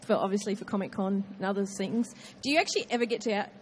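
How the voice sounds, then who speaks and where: A woman's voice: mid-range voice, fast talker, slight background noise. A woman in a convention audience asking a polite, slightly hesitant question. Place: convention hall.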